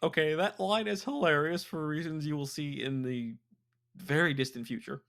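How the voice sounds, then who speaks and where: A man's voice: on the high side, normal speed, gravelly, a bit bright. A man hosting a let's play, reading visual novel text aloud and chatting about it between lines.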